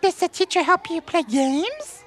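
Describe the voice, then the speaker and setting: Elmo, a squeaky monster tot. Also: male voice, very animated, unhurried, fairly bright tone, heavily acted. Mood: curious. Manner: speaks of himself in third person, giggly. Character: cheerful small furry red monster boy. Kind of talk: children's podcast puppet character. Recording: background music.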